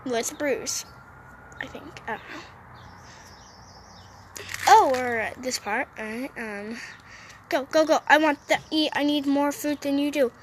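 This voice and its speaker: High-pitched girl narrating her phone game, unhurried and chatty, talking to the viewers, faint outdoor hum. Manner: chatty and playful, talking to viewers while playing. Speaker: mobile game vlogger. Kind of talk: casual gameplay commentary. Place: sitting on a roof outdoors.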